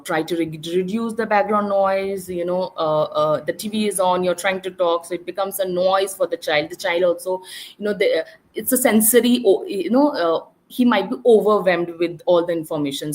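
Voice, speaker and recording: A woman's voice: lowish voice, darkish tone, rough recording. A woman speech-language therapist giving an online symposium presentation over a video call, explaining step by step with many fillers and restarts.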